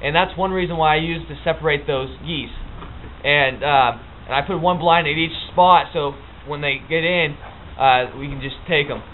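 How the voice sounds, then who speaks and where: Thin, phone-like audio with faint noise carries a man's voice, pitched a little high. He explains how something is done in an informal, unscripted way. His delivery is halting and plain-spoken, like an everyday instructor. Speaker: hunting instructor.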